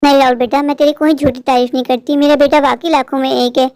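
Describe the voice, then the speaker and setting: A woman's voice: high-pitched, flat delivery, quick pace, darkish tone, dry recording, studio quality. A woman voicing a doting middle-aged mother bird in a cartoon, fussy and affectionate and afraid of being left alone. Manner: fussing, affectionate. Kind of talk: cartoon voice acting.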